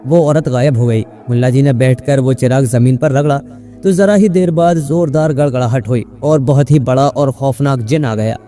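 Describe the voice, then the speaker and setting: A man narrating a comic folk tale in a measured, even storytelling delivery. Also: medium pitch, faint music behind. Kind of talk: scripted narration.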